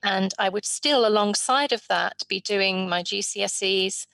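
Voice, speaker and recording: A woman voicing a guest's life story in an interview, in measured, drawn-out phrases. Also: medium pitch, vocal fry, a bit bright, dry recording.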